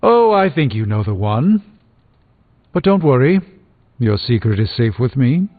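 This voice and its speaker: An actor playing an erudite, wry sorcerer doctor in a video game, articulate and formal with a slightly pompous, dry wit. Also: male voice, mid-range voice, very animated, a little slow. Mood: measured, confiding. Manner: articulate, formal, dryly witty. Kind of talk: scripted video game character dialogue. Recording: tinny band-limited game audio over music.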